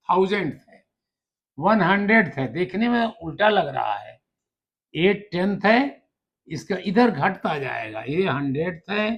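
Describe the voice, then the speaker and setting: High-pitched, slow-speaking male math teacher. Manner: patient, step-by-step explaining, spelling words out letter by letter. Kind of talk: classroom lesson explanation.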